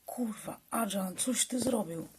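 A woman's voice: sits low, normal speed, vocal fry, darkish tone, slightly rough, exaggerated voice. A woman voicing a foul-mouthed, jumpy young woman who swears and speaks urgently. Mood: swearing, urgent.

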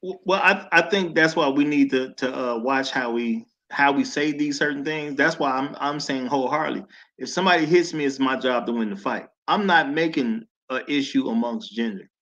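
A man's voice: mid-range voice, normal speed, a bit bright. Firm-talking man on lo-fi audio. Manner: firm, declarative. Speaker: host. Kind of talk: opinionated panel talk. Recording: dull lo-fi audio.

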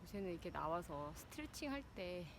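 A woman's voice: fairly low pitch, sing-song, brisk. A woman in her thirties chats casually to listeners while out running, like a personal vlog. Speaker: vlogger, a parent. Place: outdoors, out exercising. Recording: noisy outdoor recording, uneven level.

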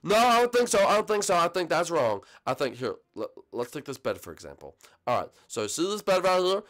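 A mischievous, goofy dinosaur, voiced by a man who talks in playful, rambling bursts. The pitch jumps around animatedly in a homemade puppet comedy. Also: sing-song, a little fast, fairly bright tone.

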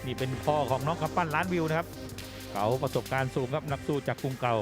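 Male co-commentator, conversational boxing talk, medium pitch, loud music behind. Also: fast talker.

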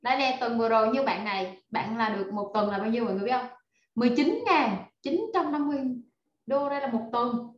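A woman's voice: fairly high pitch, fast talker. A woman teaching a live online class over a video call, rallying her students with lots of fillers. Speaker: online course instructor. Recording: echoey, dull video-call audio.

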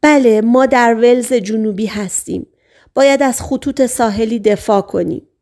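A woman reading the part of a hypnotized patient who relives a past life as a male sailor, speaking in short, halting sentences as if in a trance. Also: fairly high pitch, darkish tone, close to an everyday voice. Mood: dreamy. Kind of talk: audiobook reading.

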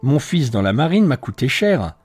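A man's voice: mid-range voice, very animated, normal speed, a little mellow, husky, no echo, soft background music. A man voicing an anxious middle-aged widowed landlady who speaks in a troubled, pleading way. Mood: weary.

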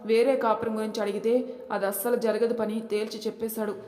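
A woman's voice: fairly high pitch, little pitch movement, quick pace, darkish tone, close to an everyday voice. A woman voicing a pregnant adult daughter, touchy and proud, in a family audio story, with a plaintive, defensive manner. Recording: echoey reverberant room.

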